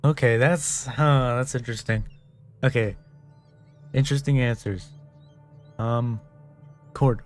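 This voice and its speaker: A man's voice: mid-range voice, darkish tone. A man giving casual, rambling gameplay commentary as he muses aloud. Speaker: gamer.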